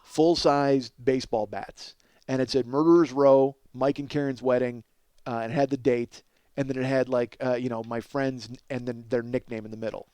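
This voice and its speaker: A middle-aged podcast host gives a casual comedic monologue, swearing, putting himself down, and wandering off on digressions while getting excitable as he exaggerates for laughs. His smooth, medium-pitched voice keeps a moderate pace, and the recording is dry and echo-free.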